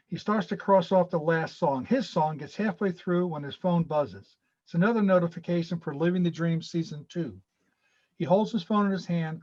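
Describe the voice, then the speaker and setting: A man's voice: a little high, darkish tone. Man reading stage directions, lo-fi. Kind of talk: screenplay reading. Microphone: video call. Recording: lo-fi video call audio.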